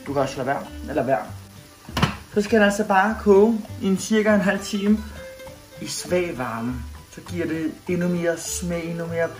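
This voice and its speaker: A man in his thirties, a fitness coach, talking playfully and theatrically through a cooking vlog in a small home kitchen. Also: sits high. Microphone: camera at medium distance. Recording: echoey kitchen with faint music.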